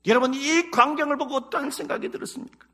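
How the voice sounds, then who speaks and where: A man's voice: very high-pitched, steady tone, quick pace, creaky, bright, forceful tone. A male pastor preaching a sermon in a Chungcheong Korean accent, emphatic, breaking into dramatic acted prayers and quotes.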